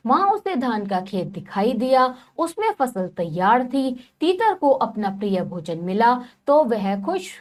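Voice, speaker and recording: A woman teacher reads a story aloud to children, then retells each part and asks them questions. Her fairly high voice rises and falls a great deal. She speaks very slowly and patiently. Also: big pitch swings.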